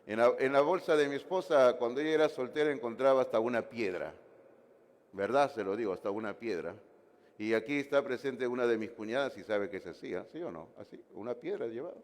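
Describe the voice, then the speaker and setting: Animated preacher in an echoey church. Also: male voice, medium pitch, fairly quick. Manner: animated preaching with asides and jokes to the congregation. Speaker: pastor. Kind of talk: sermon. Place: church sanctuary.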